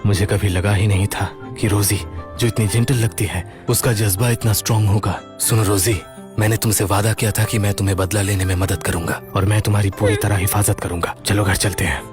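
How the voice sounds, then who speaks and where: A male voice actor dubbing a righteous young husband who speaks firmly and reassures calmly. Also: fairly low pitch, brisk, over music, natural voice. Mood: reassuring. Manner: firm, reassuring, lecturing. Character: righteous young scholar husband, protective and calm. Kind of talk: Hindi dub of a drama.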